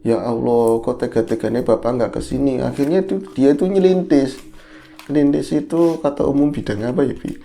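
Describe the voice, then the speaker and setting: A man's voice: mid-range voice, a little fast, gravelly, warm tone, slight background noise. A man co-hosting a podcast, telling a horror story in a casual, conversational way and checking in with his co-host.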